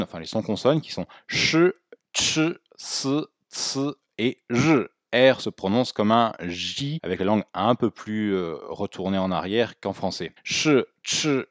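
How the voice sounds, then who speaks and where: A Mandarin teacher with a fairly low voice gives a spoken language lesson, explaining patiently and modeling each sound for learners to repeat. The recording is dry and close, with no room sound.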